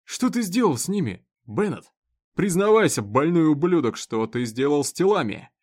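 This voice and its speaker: A man's voice: on the high side, very animated, moderate pace, darkish tone. A man playing a stern, growling sheriff. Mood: angry. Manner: commanding, growling. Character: stern, hot-tempered male small-town sheriff.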